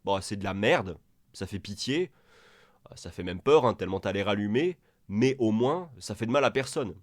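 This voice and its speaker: A man's voice: fairly low pitch, expressive, normal speed, no room sound, clean studio sound. A man giving sarcastic reaction commentary, mocking and crude, talking straight to the person in the clip he is answering. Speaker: video commentator.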